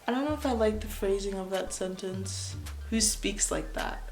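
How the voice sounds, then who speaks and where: A woman's voice: mid-range voice, normal speed, a little mellow, echoey room, faint music behind, poor audio. A woman of nineteen reading her old story aloud and breaking off for sarcastic, self-mocking comments. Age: young adult. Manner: sarcastic, self-mocking asides between read passages.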